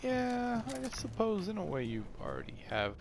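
A man's voice: high voice, huge pitch swings, moderate pace, vocal fry, slight background noise. A man chatting casually and teasingly with his partner while gaming, laughing often.

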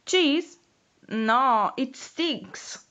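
A woman voicing a small, timid female mouse who speaks slowly and carefully in English, in a children's storybook reading. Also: high voice, animated, fairly bright tone, lo-fi sound, voice pushed up, exaggerated voice. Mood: polite. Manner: slow, carefully spoken English phrases.

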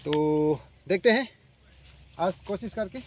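A young man narrates his fishing trip in a chatty, high voice, talking straight to his viewers. He is outdoors beside a rural pond and speaks into a handheld camera. His delivery is relaxed vlog chat. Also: slow pace, background noise. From Assam, India. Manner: chatty, addresses viewers directly. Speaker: fishing vlogger.

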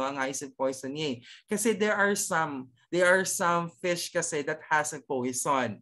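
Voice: medium pitch, a bit bright. A cookery teacher with a Filipino accent gives an online class, talking in a chatty way, checking in often with the students and running pronunciation drills. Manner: chatty, checks in with frequent "okay" and "no?".

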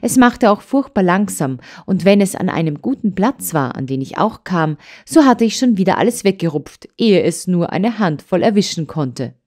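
A woman's voice: on the low side, normal speed, hardly any pauses. A woman voicing a hot-tempered, stubborn young girl in an audiobook, talking in eager, pleading outbursts. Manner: excited, pleading, tearful outbursts. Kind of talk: audiobook character voice.

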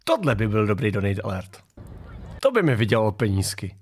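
A man's voice: fairly low pitch, sing-song, a little mellow, a little hiss or hum. A man hosting a political commentary show from his garage, mocking video clips in a sarcastic tone.

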